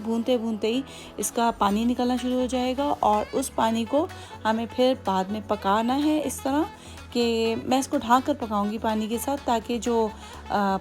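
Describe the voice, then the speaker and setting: A woman with a Hyderabadi accent hosts a home cooking tutorial for her cooking channel, her voice fairly high and a little mellow. She's chatty and patient, walking through each step with plenty of asides.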